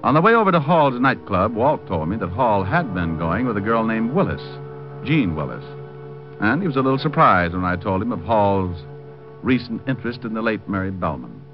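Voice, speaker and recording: Low-voiced, wry American private eye. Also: male voice. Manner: wry, clipped, matter-of-fact. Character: wry, hardboiled male private detective. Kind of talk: 1940s-50s radio drama, first-person detective narration. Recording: muffled old radio recording, music behind.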